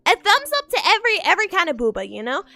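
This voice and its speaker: Just awake and groggy, this woman VTuber talks casually to her viewers in a very high-pitched, bright, forceful voice with vocal fry. Her delivery is very animated and very fast, playful and giggly, with repetition. There's no echo, and faint music sits in the background.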